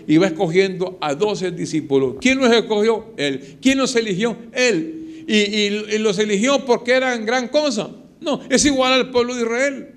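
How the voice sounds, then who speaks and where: A man preaching a sermon, explaining with rhetorical questions and short retold dialogues. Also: high-pitched.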